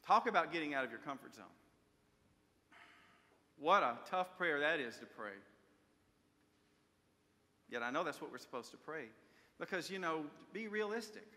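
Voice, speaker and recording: An older man, a pastor, preaches earnestly from the pulpit of a large church sanctuary, weaving stories and rhetorical questions. His slightly high voice is expressive, pushed and bright, at a normal speed with frequent pauses. Audio comes via a pulpit microphone and a far camera, with long church reverb.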